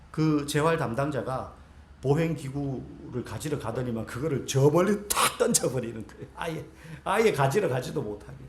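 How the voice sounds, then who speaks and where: A man's voice: mid-range voice, roomy sound, a little hiss or hum. A male pastor preaching a sermon, telling a story and speaking directly to his congregation. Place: church sanctuary.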